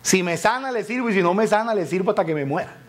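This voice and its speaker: A man preaching a fervent sermon in a church, swinging from loud exclamations to soft, near-whispered appeals. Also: high voice, lively intonation, fast. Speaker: evangelist preacher.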